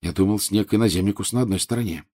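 A man's voice: fairly low pitch, fast, a little mellow, breathy edge. A man voicing a stubborn teenage schoolboy who speaks hesitantly. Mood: tense.

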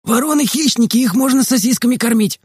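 A man reading aloud voices a boy shouting out from an infirmary window. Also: extremely high pitch, quick pace, slightly rough, dry recording, clean studio sound, pitched above the performer's own voice. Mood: calling. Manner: shouting from afar.

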